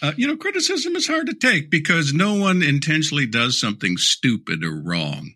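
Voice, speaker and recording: Candid and dryly sarcastic, a middle-aged man fields interview questions on leadership as a guest speaker and frequently restarts his sentences. His voice is a little high and a little fast, sing-song, husky, pushed and bright.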